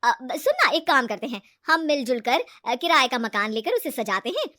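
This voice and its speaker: Give me a woman playing a loud, coaxing, scheming false friend. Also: high voice, big pitch swings, normal speed, exaggerated voice.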